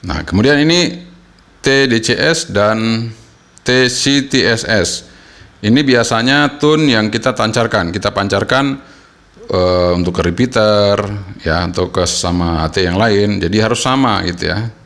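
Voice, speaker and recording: A man explaining radio settings step by step in a casual tutorial, often pausing with hesitations. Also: lowish voice, fairly bright tone. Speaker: radio equipment reviewer.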